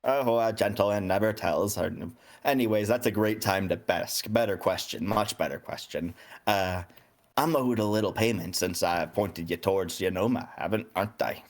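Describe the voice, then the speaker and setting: Man voicing a sly old vampire, smug, teasing, lowish voice, tabletop game. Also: moderate pace, lightly acted.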